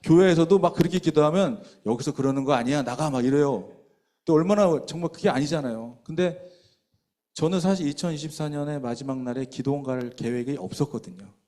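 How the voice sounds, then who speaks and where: Middle-aged guy preaching, slightly high voice, mellow, acts out the people in his story. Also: a little fast. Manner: animated storytelling, acting out quoted people. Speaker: pastor. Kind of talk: sermon testimony. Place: church meeting hall.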